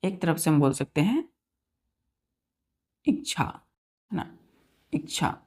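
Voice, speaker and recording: A woman teaching a vocabulary lesson, slowly spelling words out letter by letter and often asking her students whether it is clear. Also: low voice, very animated, darkish tone. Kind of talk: classroom lesson.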